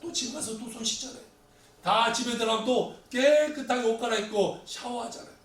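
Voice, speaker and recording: A man preaching a sermon as pastor to his congregation, swinging between loud pleas and quiet asides. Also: very high-pitched, fairly quick. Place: church sanctuary. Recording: echoey church hall from a distant mic, faint room noise.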